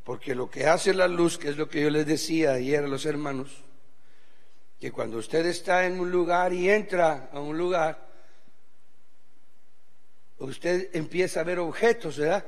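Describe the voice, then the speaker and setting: A middle-aged man preaching a sermon as pastor, swinging from quiet asides to shouted exhortation and speaking plainly to the congregation. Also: a little high, measured pace, pauses often, long reverb tail. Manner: colloquial, addresses the congregation as brothers.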